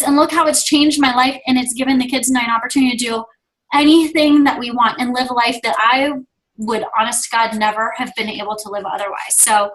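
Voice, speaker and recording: High-pitched woman, top-rank distributor, chatty pep talk over video call. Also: a bit bright, rough recording. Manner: chatty storytelling, quotes others in their voices. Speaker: guest speaker, top-ranking distributor.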